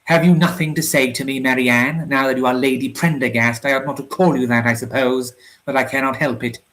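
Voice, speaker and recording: A man's voice: mid-range voice, fairly even intonation, brisk, fairly bright tone, close to an everyday voice, rough recording. A man voicing a heartbroken young man who pleads with emotion, in a storybook reading. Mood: sad pleading.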